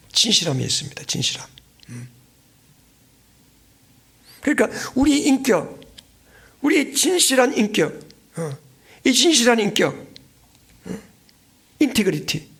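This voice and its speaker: A man preaching from the pulpit in a high, gravelly voice. He presses his points by repeating phrases and keeps throwing questions to his congregation. Earnest and direct throughout. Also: very animated, unhurried, long pauses, a bit bright. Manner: keeps asking the congregation questions and prompting replies. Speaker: pastor. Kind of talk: sermon.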